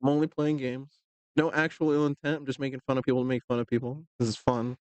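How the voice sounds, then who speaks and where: A man giving relaxed, joking live commentary on a pool match, talking loosely with fillers. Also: medium pitch, fast, smooth, no echo.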